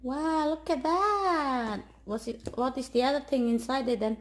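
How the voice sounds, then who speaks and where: A young Indonesian woman with an Indonesian accent, a family vlogger, chats cheerfully to her phone camera held at arm's length while sitting on a living-room sofa with her toddler, using sing-song baby talk. Her voice is high and a little slow, and the echoey room recording carries slight hiss or hum.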